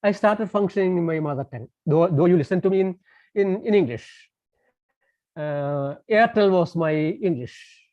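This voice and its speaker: This guest lecturer, a native Tamil speaker, gives an online talk by phone in a halting manner with many fillers and restarts. His voice sits high and sounds animated at a moderate pace, and the landline recording is dull and dry, without room sound.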